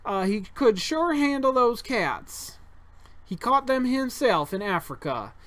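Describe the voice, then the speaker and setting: A man's voice: high voice, very animated, slow, pushed and bright, pitched above the performer's own voice, full character voice. A man reading a board game aloud, voicing a boastful middle-aged male circus owner in a folksy, bragging put-on accent.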